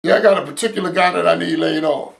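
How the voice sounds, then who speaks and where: A man's voice: fairly high pitch, fast, creaky. A man playing a scheming boss in a drama scene, in an echoey room.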